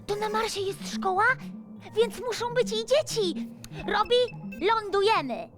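A woman voicing Urania, a curious, cheerful young girl astronaut in a children's cartoon, excited and full of questions. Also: extremely high pitch, unhurried, exaggerated voice. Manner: excited, exclaiming and asking questions. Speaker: main character. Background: music.

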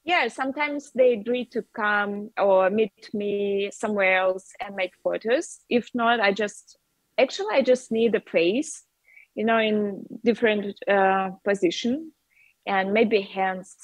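A Russian-accented woman in her thirties, an artist guest, chats casually on a video call through wireless earbuds, laughing often and using plenty of fillers. Her middle-pitched voice moves at a measured pace, and the low-quality recording is close and dry with no echo. She sits in a bright room with a wooden ceiling.

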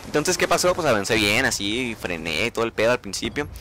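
A young Mexican man tells a story to his vlog audience at a rapid clip. His pitch sits mid-range, and he acts out his own reactions with plenty of swearing. A faint hiss runs under the recording. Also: very animated, bright, forceful tone. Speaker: vlogger. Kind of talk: casual storytelling monologue.

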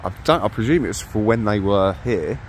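A man's voice: on the low side, expressive, normal speed, slight background noise. A British man casually narrating a walk around an abandoned site outdoors, upbeat and chatty as he points things out. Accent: British English. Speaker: vlogger exploring abandoned places.

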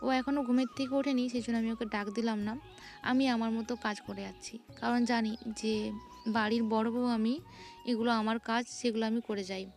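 A woman's voice: fairly high pitch, fairly even intonation, fairly quick, darkish tone, faint music behind. A young woman, narrating her morning chores in a chatty home vlog. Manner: chatty, describing chores as she goes. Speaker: vlogger.

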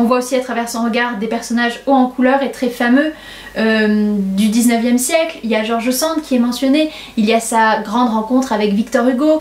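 A young woman hosting a book-club podcast, talking with lively enthusiasm about her reading and reading passages aloud. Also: on the high side. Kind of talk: casual book-review talk and reading aloud. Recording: roomy echo.

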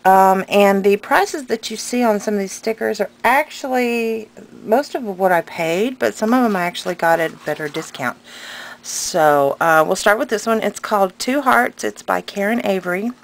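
A woman's voice: mid-range voice, animated, normal speed. A woman chatting casually as a craft vlogger, hesitant and rambling but enthusiastic, her articulation slightly impeded by a tongue piercing. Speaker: craft vlogger and pattern seller. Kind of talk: casual unscripted show-and-tell chat. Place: indoors at a craft table at home. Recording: clearly noisy home recording.

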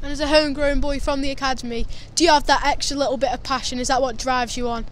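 A teenage boy with a high voice conducts a post-match interview outside a football ground. He asks eager, prepared questions into a handheld mic, with faint street noise behind him. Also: fairly even intonation, fast talker, a bit bright. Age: teens. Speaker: fan interviewer.

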